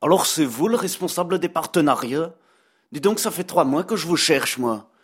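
A man's voice: a little high, lively intonation, normal speed, a bit bright, breathy edge. A man playing a sarcastic, gossipy male French teacher with a Belgian accent, in a comic radio editorial full of "hein". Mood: teasing. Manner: teasing, sarcastic, peppered with "hein". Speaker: comic columnist.

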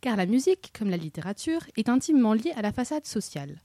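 A woman hosts a literary podcast, delivering her scripted introduction with a wry, teasing humor. Her voice is mellow and warm, recorded dry and close. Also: a little high, big pitch swings, fast, dry recording. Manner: wry, self-mocking, playful. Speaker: podcast host.

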